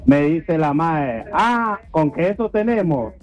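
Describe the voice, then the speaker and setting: A man calls in to a talk show, his voice pitched high. He complains in a whiny, mock-exasperated tone, dragging out his grievance. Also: animated, slow pace, a little mellow, lo-fi sound. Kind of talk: joking complaint to a host.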